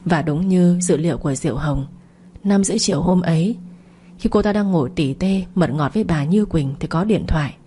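A woman narrating an audio story with a steady storytelling delivery. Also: lowish voice, fairly quick, a little hiss or hum.

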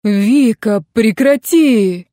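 A woman voicing a frightened young male mage who speaks in quiet, halting pleas. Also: medium pitch, animated, dry recording, studio quality, lightly acted. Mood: pleading.

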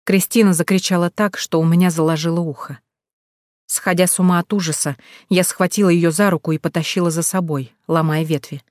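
A woman's voice: fairly low pitch, steady tone, fairly quick, a little mellow, dry recording, studio quality. A woman reading a first-person story aloud in a tense, dramatic manner.

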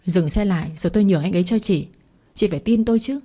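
A woman's voice: mid-range voice, fast talker, dark tone, slightly rough, lightly acted. Woman reading as a frightened, pleading young bride-to-be. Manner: urgent, pleading.

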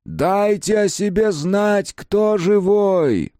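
A man voicing a male rescuer who calls out over the ruins in long, drawn-out shouts. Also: high voice, dry recording, clean studio sound, voice pushed up. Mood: calling out.

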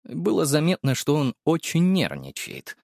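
A man narrating a first-person audiobook in a lively, wry and expressive manner. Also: fairly high pitch, unhurried, creaky, no room sound, studio quality.

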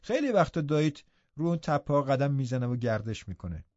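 A man voicing a kindly, patient middle-aged housekeeper woman who speaks gently and reassuringly. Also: mid-range voice, very animated, no room sound, highs cut off, close to an everyday voice. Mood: gentle, reassuring.

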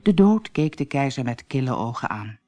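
A woman reading a fairy tale aloud as a storybook narrator, clear and expressive. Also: extremely low pitch, moderate pace. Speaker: audiobook reader. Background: soft music.

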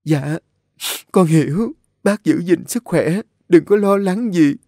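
A man's voice: fairly low pitch, a little fast, warm tone, dry recording, clean studio sound, close to an everyday voice. A man voicing a middle-aged woman who speaks in a tearful, choked voice. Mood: sobbing.

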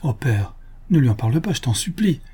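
Man doing a timid young wife, pleading, hesitant, mellow, husky. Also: mid-range voice, very animated, a little fast, voice pushed up. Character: anxious young married woman, timid daughter.

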